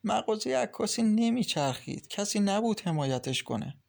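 A man's voice: high voice, lively intonation, gravelly, voice pushed up. A man voicing a downcast pregnant young wife who speaks sadly and hesitantly in an audiobook. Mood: troubled. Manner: sad, hesitant, complaining quietly. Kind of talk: audiobook character reading.

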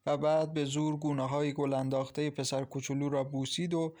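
A man narrating a novel in a calm, even storytelling voice. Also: on the high side. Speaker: audiobook narrator. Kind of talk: scripted narration.

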